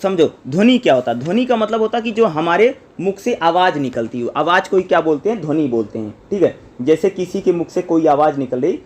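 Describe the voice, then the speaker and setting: A man giving an exam-prep lecture as a teacher. He keeps asking the listener questions and answering them himself, and he sounds out syllables slowly one by one. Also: fairly high pitch, lively intonation, a little mellow.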